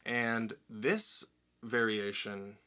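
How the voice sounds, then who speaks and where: A man's voice: lowish voice, drawn-out words, sharp tone, smooth. A young man teaching drum set, explaining step by step and counting beats aloud in an upbeat way. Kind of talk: instructional lesson.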